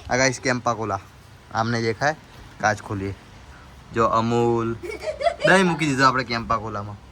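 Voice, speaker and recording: A man's voice: mid-range voice, normal speed, heavy background noise. A man running a small shop, chatting casually to his viewers and showing off his stock. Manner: chatty, keeps addressing viewers as guys. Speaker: shopkeeper vlogger. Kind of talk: casual vlog commentary.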